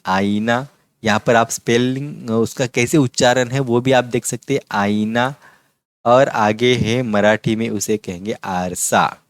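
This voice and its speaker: A man teaching a vocabulary lesson, patiently repeating each word slowly. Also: mid-range voice, no echo. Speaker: language teacher.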